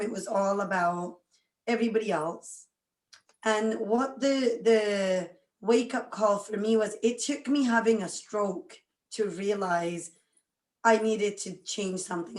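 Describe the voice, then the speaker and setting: A woman's voice: medium pitch, roomy sound. A woman around forty from Scotland, a guest chatting with lots of energy and frequent laughs. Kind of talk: casual interview chat.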